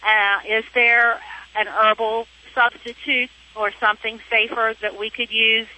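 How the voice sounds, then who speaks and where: Over a dull, lo-fi phone connection, a Pennsylvania woman phoning in to a radio program from her car talks in a somewhat high, flat, sharp voice at a measured pace. Her call-in chat is casual and wanders through lots of detail.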